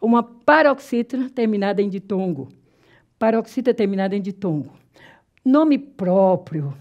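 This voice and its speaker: A Brazilian woman teaching Portuguese grammar in a classroom lecture, explaining step by step, checking that the class follows, and slowly drawing out example words. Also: mid-range voice, lively intonation, darkish tone, muffled recording. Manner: drawn-out, slow spelling of example words.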